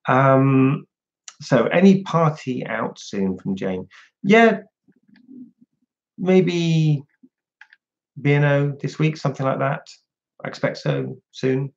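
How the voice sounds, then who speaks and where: A man's voice: medium pitch, animated, takes it slowly, gravelly, pauses often. A man hosting a casual livestream, chatting frankly and answering viewer questions from home. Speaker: livestream host. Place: at home indoors. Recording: dull lo-fi home stream audio.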